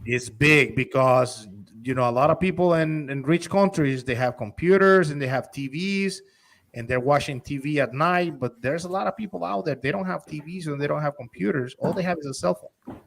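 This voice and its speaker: A man's voice: on the high side, normal speed, gravelly, a bit bright. A man from Honduras, an investor and company executive, talking eagerly and persuasively in a casual interview, often restarting his sentences.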